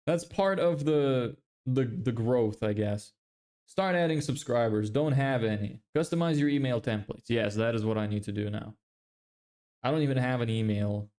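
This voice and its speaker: Here a medium-pitched man's voice with a darkish tone speaks at normal speed. He's a young Lithuanian livestreamer whose English sounds American, working on building a business; he reads viewer comments loosely, jokes self-deprecatingly, swears casually and laughs often.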